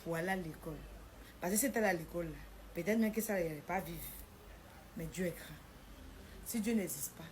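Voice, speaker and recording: A woman's voice: lowish voice, a little hiss or hum. A woman telling her own story, acting out what people said in a shifting voice. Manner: animated, acts out the dialogue in a shifting voice. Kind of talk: personal storytelling.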